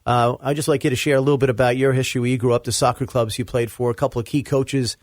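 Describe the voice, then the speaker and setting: A man's voice: mid-range voice, level tone, fast talker, a little mellow, no room sound. A man hosting a podcast, reading sponsor thanks and introducing a guest in a chatty way, with frequent fillers. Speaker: podcast host. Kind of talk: casual podcast talk.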